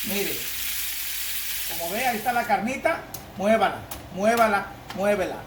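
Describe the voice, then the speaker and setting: Standing by his home stove, a man walks viewers through a folksy cooking demo one step at a time, speaking at a moderate pace in a high voice. The background is noisy, with kitchen echo and the sizzle of frying.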